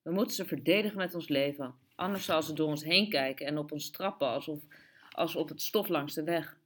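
A woman's voice: deep voice, brisk. A woman voicing an earnest, proud boy who questions insistently. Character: Tito, earnest upset boy, indignant and proud.

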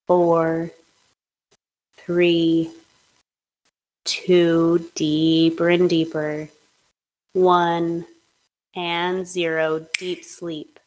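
Slow, flat-voiced woman guiding hypnosis. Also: on the low side, a little hiss or hum, low-quality recording. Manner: slow, soothing, monotone guidance. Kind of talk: guided hypnosis meditation.

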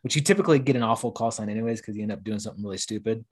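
A man's voice: on the low side, rapid-fire. A man co-hosting a podcast, welcoming a guest in a joking, casual way. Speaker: podcast co-host. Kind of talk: casual interview chat.

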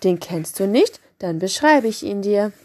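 A woman voicing a small, clever, bold mouse in a storybook reading, with a lively raised voice. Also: mid-range voice, unhurried. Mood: cheerful.

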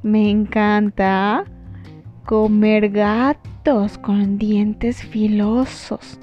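A woman voicing a hungry male wolf who speaks slowly and slyly, in a storybook reading. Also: mid-range voice, little pitch movement. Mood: menacing. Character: sly hungry male wolf, slow and menacing. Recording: dull lo-fi with guitar music.

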